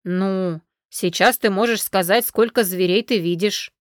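A woman voicing a young male dragon, the heroine's cousin, who speaks calmly and matter-of-factly in an audiobook. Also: mid-range voice, a little slow, dry recording, natural voice. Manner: calm, dry, matter-of-fact.

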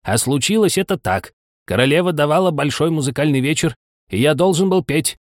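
A man's voice: fairly high pitch, lively intonation, brisk, no room sound, clean studio sound, pitched above the performer's own voice, natural voice. A man voicing a gloomy, eccentric male hatter in a lifted, sing-song, quarrelsome voice. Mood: storytelling. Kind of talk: audiobook character reading.

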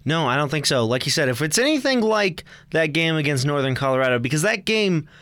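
A man's voice: on the high side, very animated, fairly quick, fairly bright tone, no room sound. A young man co-hosting a casual college sports preview, chatty and joking, often stumbling and correcting himself. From United States. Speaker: sports show co-host.

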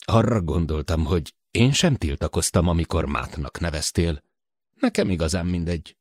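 A man's voice: sits low, a little mellow, slightly rough, no echo, clean studio sound. A man doing a polite, curious human explorer. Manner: courteous, probing questions.

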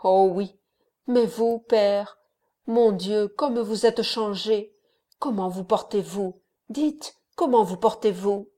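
A woman's voice: medium pitch, slow, dark tone, lightly acted. A woman voicing a young devout village bride who speaks in an earnest, pleading way.

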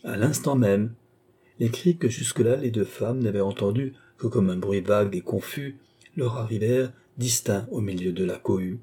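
A man narrating a classic novel as an audiobook with a steady, expressive reading. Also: lowish voice, moderate pace, husky.

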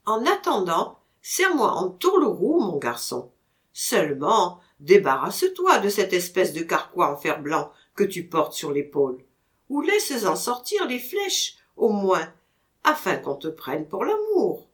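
A woman reading a storybook audiobook, voicing a witty gentleman master who teases his servant in mock-stern banter. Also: medium pitch, sing-song, a little slow. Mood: teasing.

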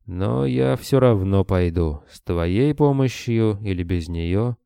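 Grim deathless hunter, read by a man, dry terse lines, very deep warm voice. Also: lively intonation, slow, vocal fry, clean tone, no echo, heavily acted.

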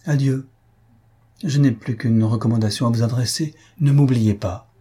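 A man voicing a devoted young baron who speaks gently and earnestly. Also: medium pitch, fairly even intonation, moderate pace, breathy edge, close to an everyday voice. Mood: tender.

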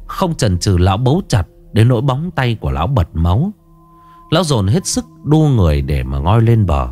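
A man's voice: lowish voice, a little mellow. A man narrating a horror story in a dramatic, scripted style.

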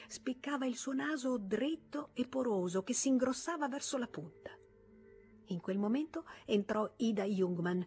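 A woman reading a classic novel aloud as an audiobook narrator, in a measured, even storytelling manner. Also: medium pitch. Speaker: audiobook reader.

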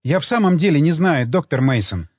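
A man's voice: a little high, very animated, a little fast, a little mellow, no echo. A timid young flight attendant, hesitant and bewildered, her voice lifted a little above the reader's own as a man plays her. She speaks hesitantly and a little huskily. The recording sounds slightly dull.

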